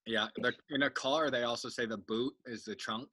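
A man in casual podcast chat, telling relaxed stories about his former teammates. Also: mid-range voice, normal speed, crowd noise. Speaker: guest, former soccer player.

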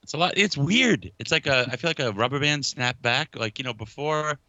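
Lively, bright-voiced male podcast host. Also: mid-range voice, a little fast, no echo, dull audio. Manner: animated, jokey, mock-whiny. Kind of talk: casual banter.

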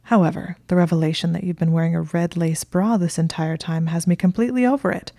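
A smug young wizard who savors every long word, as a woman reads him aloud. The voice sits low and dark, with a creaky edge and little rise and fall. The sound is close and dry. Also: steady tone, fast talker, no room sound. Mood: teasing.

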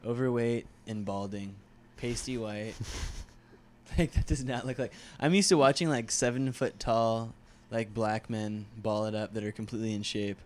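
A man's voice: on the low side, fairly even intonation, moderate pace, darkish tone. A young man co-hosting a casual podcast, joking loosely and laughing often. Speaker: podcast co-host. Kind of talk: casual chat.

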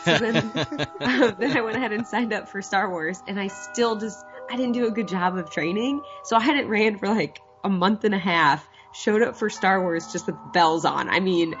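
A congested, nasal-sounding woman with a cold talks at a medium pitch and normal speed, faint music playing behind her. She co-hosts a podcast in a casual chat, laughing frequently, and the audio is dull and lo-fi.

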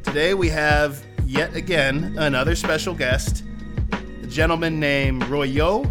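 A man's voice: a little high, a little slow, music in the background. A man hosting an interview show, introducing a guest and asking friendly, curious questions. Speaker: podcast host.

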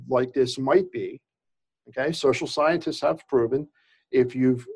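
An employment lawyer, here as an interview guest, explains cases in a relaxed, expert way, his medium-pitched voice slightly mellow. A mild stutter shows through, along with frequent fillers and restarts.

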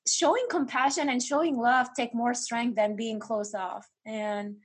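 A woman's voice: a little high, fairly even intonation, unhurried, husky. A woman from Indonesia speaking earnestly as a guest in an interview, restarting often and leaning on fillers. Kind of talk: candid interview conversation.

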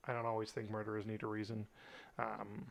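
A man's voice: fairly low pitch, completely flat delivery, a little fast, gravelly. Chatty man co-hosting a film podcast. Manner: chatty, laughs often, quizzes his co-host. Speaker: podcast co-host. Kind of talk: casual film podcast chat.

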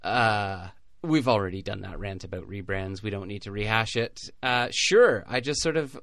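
A man's voice: lowish voice, normal speed, creaky, fairly bright tone, no room sound. Dry-voiced sarcastic male podcast host. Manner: sarcastic, laughs through his jokes. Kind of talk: casual sports chat.

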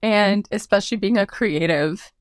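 A woman's voice: medium pitch, normal speed, no room sound, clean studio sound. A woman, a bridal makeup artist, talking casually as a podcast guest and acting out what her family said. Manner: animated storyteller, acts out family quotes.

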